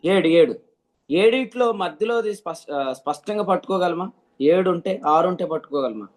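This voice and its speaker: A man's voice: high voice, expressive, normal speed. A man with a somewhat raised voice gives a teaching sermon into a computer mic. He explains a point step by step with everyday examples and stops to ask his listeners questions. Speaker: preacher. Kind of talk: teaching sermon to an online group.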